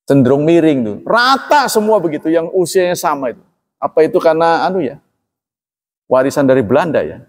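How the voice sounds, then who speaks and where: Man, preacher, plain even delivery, religious lecture, long hall reverb. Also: a little high, a little fast. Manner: plain, even delivery, calls himself flat-spoken; asks listeners for agreement often.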